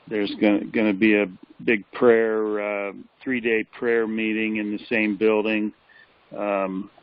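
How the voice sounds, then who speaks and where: Tired male caller giving a report, low, flat delivery, muffled phone sound. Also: dry recording. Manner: flat, hesitant, many fillers. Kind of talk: casual chat. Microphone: telephone. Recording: dull phone line.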